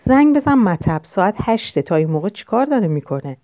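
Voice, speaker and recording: A woman voicing a weary young husband who asks gentle, coaxing questions. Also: mid-range voice, very animated, no room sound, natural voice. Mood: worried. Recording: dull lo-fi dry recording.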